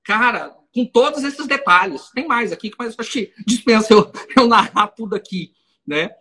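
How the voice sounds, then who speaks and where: A man, a defense lawyer co-hosting a podcast, telling an anecdote in a casual, animated way. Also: very high-pitched, moderate pace, poor audio. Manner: animated storyteller, laughs along.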